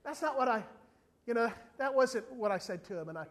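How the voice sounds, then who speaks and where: Here a man with an extremely high pitch talks briskly while delivering an evangelist's sermon. Not from South Africa, he tells an amusing story vividly, briefly performing the voices of those involved.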